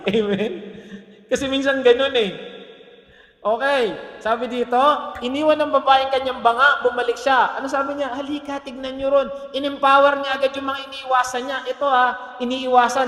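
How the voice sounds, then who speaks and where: A man preaching a lively, joking sermon as a pastor, often laughing and asking "Amen?". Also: very high-pitched. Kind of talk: Taglish sermon. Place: church hall. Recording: echoey hall with long reverb.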